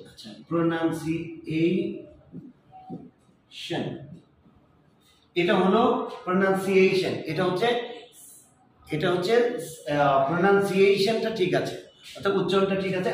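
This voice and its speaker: A man from Bangladesh, giving a spoken lesson as an English teacher and repeating words slowly to model them. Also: high-pitched, recorded from a distance, a little hiss or hum. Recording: very echoey room, voice off the mic.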